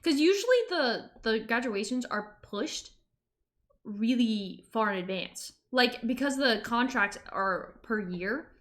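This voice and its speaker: A woman's voice: fairly high pitch, animated, slow, a bit bright. A woman streamer in casual reaction chat, talking informally and emphatically and acting out the reactions she quotes.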